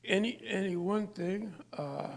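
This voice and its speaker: Older veteran, gravelly voice, halting delivery, a man from California. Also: high-pitched. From California, USA. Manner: halting, searching for words. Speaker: veteran interviewee. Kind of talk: personal interview.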